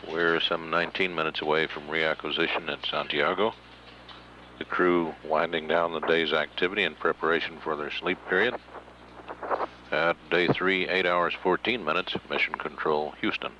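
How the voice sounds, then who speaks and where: A man's voice: very deep voice, steady tone, moderate pace. A man giving formal, matter-of-fact live status commentary as a mission control announcer. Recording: dull lo-fi archival broadcast, faint noise.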